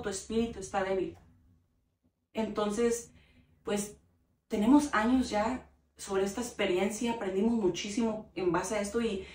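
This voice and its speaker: A woman's voice: medium pitch, darkish tone. A woman giving a heartfelt personal testimony in an interview, talking earnestly and often turning to the listener. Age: adult. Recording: roomy echo, mic at a distance, faint background hiss.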